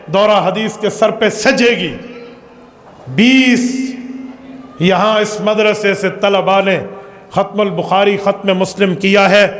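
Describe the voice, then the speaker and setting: High-voiced preacher in echoing hall. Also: male voice, fairly bright tone. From Pakistan. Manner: emphatic, rhythmic preaching that builds in repeated phrases. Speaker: mufti preaching. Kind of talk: sermon. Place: large echoing hall at a seminary gathering. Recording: echoey hall with long reverb.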